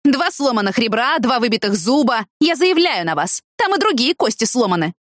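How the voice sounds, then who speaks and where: A woman voicing a furious middle-aged mother who hurls accusations with slow, heavy emphasis. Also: a little high, very animated, no room sound, clean studio sound, voice pushed up.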